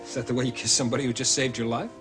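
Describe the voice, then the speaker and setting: Actor as earnest, wounded suitor over music. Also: male voice, mid-range voice, little pitch movement, rapid-fire, natural voice. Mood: hurt, reproachful. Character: lovelorn, wounded, rebellious outlaw suitor. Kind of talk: soap opera acting.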